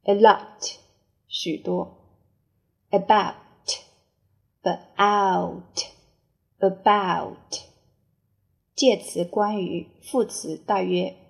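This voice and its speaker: A woman teaching English vocabulary in Chinese, saying each word three times slowly before giving its meaning. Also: medium pitch, steady tone, creaky. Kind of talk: slow word-by-word spelling and dictation drill.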